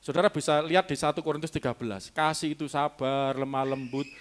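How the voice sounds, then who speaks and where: A man preaching a sermon in a church, animated and emphatic, slipping in local words and short chuckles. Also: a little high, brisk. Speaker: pastor. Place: church sanctuary.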